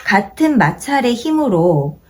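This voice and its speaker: A woman teaching a haegeum lesson, patiently repeating each instruction and slowing down to demonstrate. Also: fairly high pitch, big pitch swings. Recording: noisy home-video recording.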